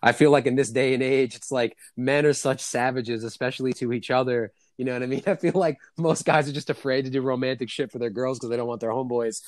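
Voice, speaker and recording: A man's voice: medium pitch, steady tone, fast, hardly any pauses, no room sound, studio quality. A man co-hosting a casual chat and giving advice in sweary bro talk, often checking that he is understood. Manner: bro-like, sweary, peppered with 'you know what I mean'.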